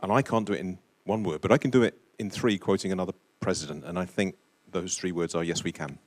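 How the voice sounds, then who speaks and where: A man panellist giving a measured closing answer. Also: sits low, darkish tone.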